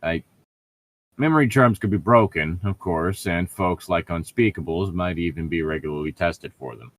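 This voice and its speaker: A deep-voiced man reads a fan fiction story aloud at normal speed in his role as co-host. Every so often he stops to throw in sarcastic, irreverent, profane commentary poking fun at it.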